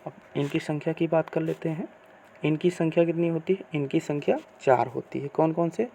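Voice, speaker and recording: Man teaching a grammar lesson, gravelly. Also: fairly high pitch, fairly even intonation, dark tone, slight background noise. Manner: asks questions then answers them; slow, repeated teacherly phrasing.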